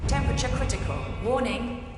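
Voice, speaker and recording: A woman voicing a female facility computer that announces alarms about an overheating core over a loudspeaker, in a flat, automated delivery. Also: a little high, a little fast, very echoey, loud music behind the voice. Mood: alarmed.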